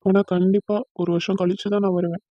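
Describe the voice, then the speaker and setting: A man's voice: sits high, little pitch movement, brisk, dry recording, muffled recording. A man voicing an earnest, tender young man in a cartoon.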